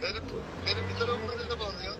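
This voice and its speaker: A man's voice: high voice, fairly even intonation, fast talker. A man negotiating a booking casually over the phone, on a muffled and very noisy recording. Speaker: wedding musician taking a booking.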